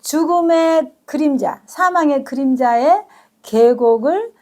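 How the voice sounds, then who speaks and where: A woman pastor giving a sermon in a high, bright voice. She tells stories with real feeling and sometimes catches her breath mid-sentence. She reads English verses slowly and carefully, then explains each one in simple words. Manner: emotional, storytelling delivery with gasps.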